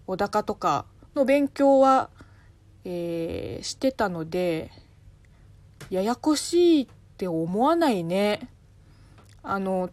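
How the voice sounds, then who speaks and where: Host, woman from China, Chinese-accented, casual explainer, animated melody, dry close mic. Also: no echo. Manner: chatty, explains with spoken examples, lively pitch swings. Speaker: podcast host answering listener questions. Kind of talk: casual solo radio talk.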